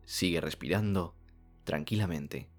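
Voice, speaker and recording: A man from narrates a soothing guided sleep meditation like a bedtime story narrator, speaking calmly in slow phrases with long pauses. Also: low-pitched, soft background music.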